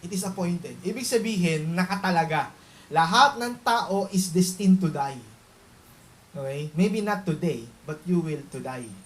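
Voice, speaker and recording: A woman's voice: on the low side, animated, measured pace, slight background noise, low-quality recording. Emphatic woman preaching. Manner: emphatic, often asks the audience to confirm. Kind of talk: Taglish sermon.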